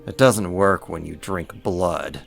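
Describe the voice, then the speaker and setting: Slow and exaggerated, a man's very low, gravelly voice portrays a boastful, hulking werewolf in a roleplay audio drama. His delivery is mocking, smug, flirty and possessive, with faint music in the background.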